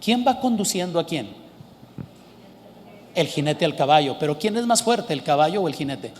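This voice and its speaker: Male preacher, high voice, emphatic sermon delivery with rhetorical questions, big hall reverb. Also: big pitch swings, moderate pace, slight background noise. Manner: emphatic, asks the congregation questions.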